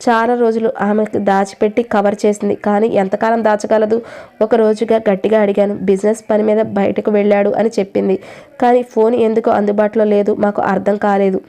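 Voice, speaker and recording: A reproachful middle-aged mother scolding her grown son, as a woman storyteller reads her lines. The voice is mellow and dark, held at a mid pitch with little rise and fall. She sounds hurt and stern at once, like a storybook parent. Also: level tone, brisk, lightly acted.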